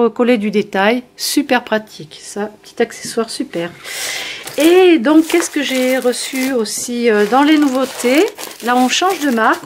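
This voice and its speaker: A woman's voice: fairly high pitch, a little hiss or hum. A woman casually showing new scrapbooking papers and tools from her shop, talking with frequent hesitations and fillers. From France. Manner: hesitant, many fillers, friendly. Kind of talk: casual product show-and-tell.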